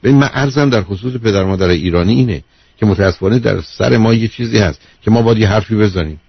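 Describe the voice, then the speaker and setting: Husky man lecturing emphatically on radio. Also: fairly low pitch, no room sound. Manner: emphatic, lecturing, repeats key points, calls the caller "dear". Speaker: radio advice host, a doctor. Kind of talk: call-in radio counselling. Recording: dull lo-fi radio broadcast.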